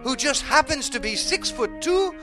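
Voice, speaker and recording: A man's voice: very high-pitched, expressive, normal speed, bright, forceful tone, soft background music, heavily acted. A man playing a gushing, over-polite Afghan game show announcer in a comedy sketch. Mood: gushing, showy.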